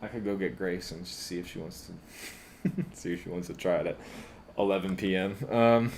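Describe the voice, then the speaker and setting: A man composing on a live stream, thinking aloud in a halting, casual way with lots of fillers and self-deprecating asides. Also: low-pitched, darkish tone, slight background noise. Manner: halting and musing, many fillers, laughs at himself.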